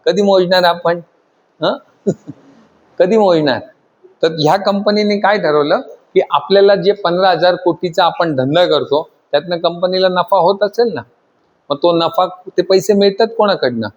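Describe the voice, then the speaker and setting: A man teaching a class of trainees, constantly questioning the students and urging them to answer louder. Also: sits high, unhurried, lo-fi sound. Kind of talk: classroom lecture.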